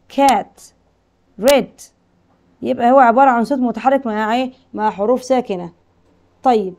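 High-voiced Egyptian woman, an English teacher explaining a lesson, reads slowly and quizzes her pupils. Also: darkish tone. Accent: Egyptian Arabic. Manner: reads English lines slowly, then translates with questions to pupils.

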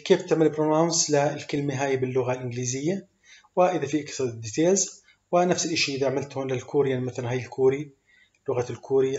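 A man's voice: medium pitch, a little mellow. A man teaching programming, explaining step by step with many fillers and English code terms. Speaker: programming instructor. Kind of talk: screen-recorded coding tutorial. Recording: echoey room, dull lo-fi sound.

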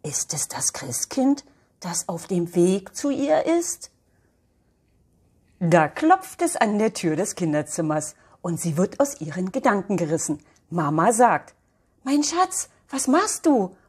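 Grandma storyteller, slow, husky-soft, lively melody. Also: female voice, lowish voice. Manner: soft, often whispery storytelling. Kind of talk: reading a children's book aloud.

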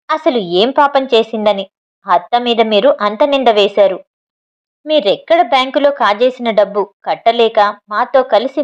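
A woman's voice: fairly high pitch, lo-fi sound, close to an everyday voice. A woman voicing an angry grown son who heatedly accuses his father, in a storybook reading.

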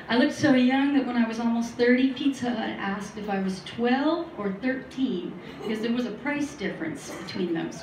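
Deadpan middle-aged woman doing stand-up. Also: on the high side. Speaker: stand-up comedian. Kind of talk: stand-up comedy set. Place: small studio at a comedy night. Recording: roomy, distant live recording with faint noise.

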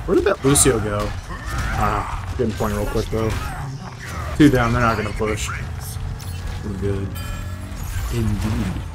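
Streaming a shooter game, this young American offers casual commentary, joking, cursing and talking with chat between fights. He speaks slowly with long pauses in a lowish, fairly even voice, over game sounds and music.

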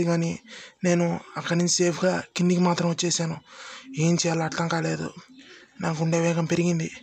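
A man narrating a first-person horror story in a steady, suspenseful manner. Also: a little high, gravelly, slightly rough.

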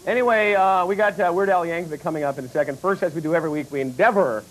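A jokey, playful man hosts a comedic late-night chat show, his high voice racing along and breaking into laughs. The rough recording comes from a hissy, worn VHS videotape dub.

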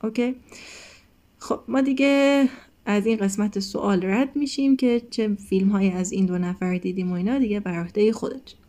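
An Iranian woman leads a recorded English lesson in a mellow, relaxed voice of medium pitch. Like a patient teacher, she explains each point and reads the example sentences slowly and carefully.

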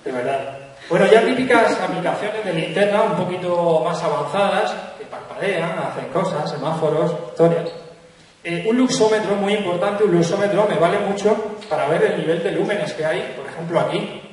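A man's voice: sits high, moderate pace, a little hiss or hum. A young man giving a chatty, joking conference talk into a handheld mic on a lecture hall stage. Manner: chatty, jokey, asks "¿vale?" often. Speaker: guest speaker. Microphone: handheld mic, recorded from far camera. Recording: echoey hall, voice from far off.

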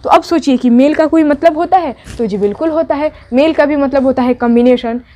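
High-pitched young lady teaching, soft warm tone, keeps asking the class questions. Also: a little fast. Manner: patient, repetitive explaining with rhetorical questions. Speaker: Urdu teacher. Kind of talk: online language lesson.

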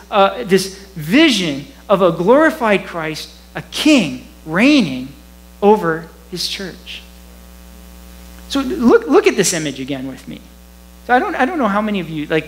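High-voiced, lively pastor preaching. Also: male voice, low-quality recording. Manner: conversational, animated, laughs often. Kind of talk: sermon. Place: church.

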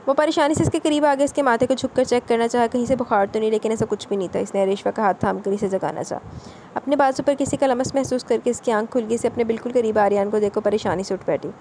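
Fast-reading woman narrator. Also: fairly high pitch, a little mellow, a little hiss or hum. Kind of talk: audiobook romance narration.

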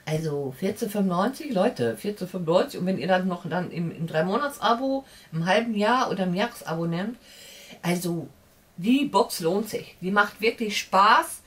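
A beauty vlogger in her forties casually unboxes a beauty box at home, in a room with shelves and warm lamps, rambling with plenty of fillers and restarts. Her mid-range voice has lively intonation and is a bit bright, at normal speed, picked up by a distant mic.

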